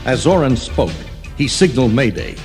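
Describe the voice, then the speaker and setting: A man with a medium-pitched, somewhat dark voice reads an adventure story for children expressively and at normal speed. The scripted narration comes from a 1980s storybook cassette with music in the background.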